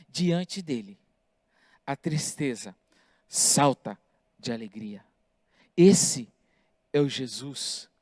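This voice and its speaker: A male pastor delivers a sermon at an unhurried, measured pace, leaning on emphatic pauses. The sound is dry and close, with little room echo. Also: a little high, a little mellow. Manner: deliberate preaching with emphatic pauses.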